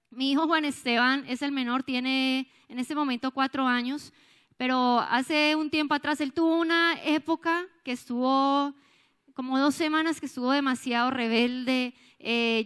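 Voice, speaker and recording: A woman pastor in her thirties with a Colombian accent preaches a sermon in a church. Her voice sits high, and she tells a personal story earnestly. She repeats phrases and puts questions to the congregation. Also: fairly bright tone, clean tone. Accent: Colombian Spanish.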